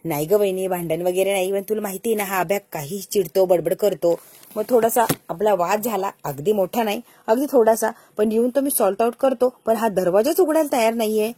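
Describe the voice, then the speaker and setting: A woman's voice: medium pitch, brisk, warm tone, slightly rough, lightly acted. A woman voicing a hot-headed young husband who pleads and then scolds, repeating himself, in a storytelling retelling. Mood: pleading.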